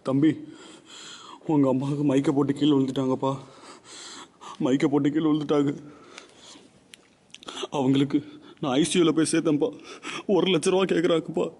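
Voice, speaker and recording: A man acting in a short film as a caller who speaks softly and coaxingly to a young man. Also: a little high, little pitch movement, moderate pace, long pauses, breathy edge. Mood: distressed. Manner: soft coaxing, calls him thambi.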